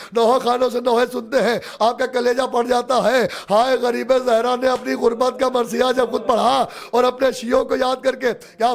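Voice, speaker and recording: A man with a very high, gravelly voice preaches a mourning sermon. He shouts with passion and slides into a chanted, sing-song lament. His pitch stays on one narrow, strained band. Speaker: cleric. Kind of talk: Muharram majlis sermon.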